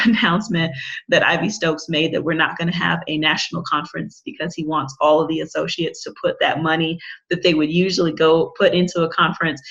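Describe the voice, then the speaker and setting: Upbeat gravelly woman in her thirties. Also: deep voice, fairly bright tone, highs cut off. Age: 30s. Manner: upbeat, promotional, spells out contact details slowly. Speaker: business boot camp host. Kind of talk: online orientation meeting.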